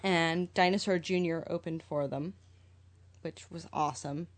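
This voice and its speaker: A woman's voice: deep voice, a little slow. A woman co-hosting a podcast, telling a story in casual chat. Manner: animated storyteller, chatty. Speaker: podcast co-host.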